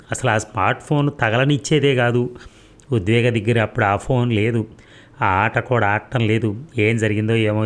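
A man's voice: mid-range voice, close to an everyday voice. A man voicing an eager young granddaughter in a storybook reading, telling her news in a hurry. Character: little girl, worried granddaughter.

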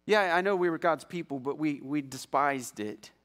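Pastor guy preaching, kinda high voice, gets loud then drops real quiet, acts out the bible bits. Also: moderate pace. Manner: animated preaching, swings from loud to hushed; acts out biblical voices mid-sermon. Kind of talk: sermon.

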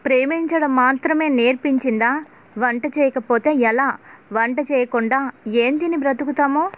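A woman's voice: high voice, moderate pace, dull audio, lightly acted. A woman doing a scolding mother-in-law. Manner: nagging, rising to agitated scolding. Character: scolding middle-aged mother-in-law, sharp-tongued.

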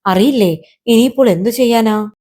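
A woman voicing a kindly, fatherly old moon uncle in a children's storybook reading, speaking softly and affectionately. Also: a little high, moderate pace, natural voice. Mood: tender. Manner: soft, affectionate and coaxing.

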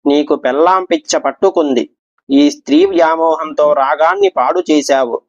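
A man's voice: fairly high pitch, wildly swooping pitch, normal speed, vocal fry, heavily acted. A man voicing an angry serpent king who scolds and curses a singer, in a dull lo-fi recording. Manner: scolding, accusing.

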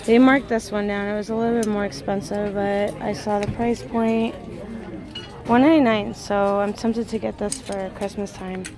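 A woman's voice: medium pitch, level tone, moderate pace, crowd noise. Gushing woman vlogging in a busy store. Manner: bubbly, gushing over cute finds. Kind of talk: casual shopping vlog narration. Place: large indoor store. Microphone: handheld phone camera. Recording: crowded store background.

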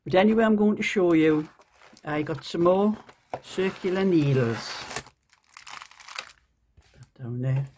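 A woman's voice: lowish voice, measured pace, long pauses, mellow, slight background noise. An older woman with a Geordie accent, chatting casually at her table at home as she shows off a shopping haul and explains it step by step. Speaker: shopping vlogger. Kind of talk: casual show-and-tell. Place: home, at a table at night under a lamp.

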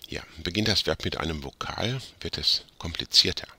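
A man's voice: low-pitched, lively intonation, moderate pace, vocal fry, pushed and bright, breathy edge, no echo. A man tutoring in a casual grammar lesson, rambling a bit, correcting himself and joking about his own slips.

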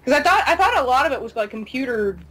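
A woman's voice: sits high, big pitch swings, fast, a bit bright, breathy edge, low-quality recording. A woman giving casual, jokey let's play commentary, giggling often and swearing freely.

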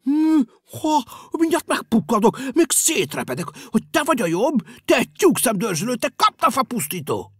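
Bickering talking shoes, voiced by a man, storybook audio, lively, bouncing pitch. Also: gravelly, slightly rough, no room sound, studio quality, heavily acted. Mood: quarrelsome. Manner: squabbling and whimpering. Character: pair of quarrelling, whiny talking shoes.

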